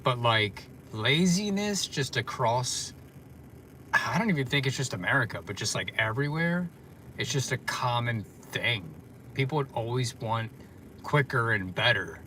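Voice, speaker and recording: A man's voice: mid-range voice, lively intonation, unhurried, pushed and bright, slight background noise. A tired man chatting casually on a livestream from his parked car, rambling with lots of fillers. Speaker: vlogger.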